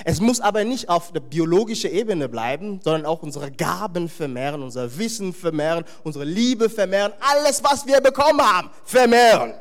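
Animated high-voiced male preacher. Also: fairly quick, few pauses. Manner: animated, emphatic, with wry humorous asides. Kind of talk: sermon.

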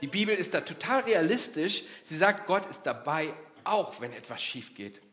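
A man preaching a sermon in a lively, conversational way, acting out inner voices as he talks. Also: a little high, moderate pace.

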